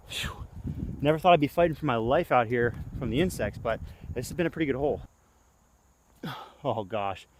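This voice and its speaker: A young man chats his way around an outdoor disc golf course, breathless and worn out from playing. His voice sits in a middle pitch and leaps up into excited yelps whenever a throw flies. The talk stays loose and casual. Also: slight background noise. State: winded and tired. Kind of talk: casual play-by-play commentary.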